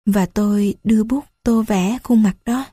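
A woman reading a first-person story aloud at a slow, unhurried pace. Her voice is mellow and breathy, recorded dry and close. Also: mid-range voice, no room sound. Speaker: audiobook narrator.

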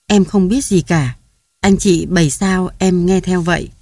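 A woman reading the part of a young mother, helpless and meek, talking softly and hesitantly. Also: lowish voice, measured pace, no echo, clean studio sound. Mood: tearful.

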